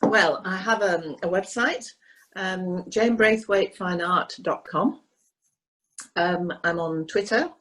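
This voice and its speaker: Lady painter on a video call, lots of ums and restarts, a bit hoarse. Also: on the low side, takes it slowly, a bit bright, rough recording. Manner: hesitant, many ums and restarts. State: slightly hoarse. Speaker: equestrian painter.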